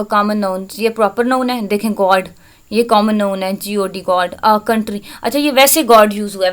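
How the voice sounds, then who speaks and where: A woman teaching an English grammar lesson. She reads English example sentences slowly, then explains them briskly in Hindi-Urdu. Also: fairly high pitch.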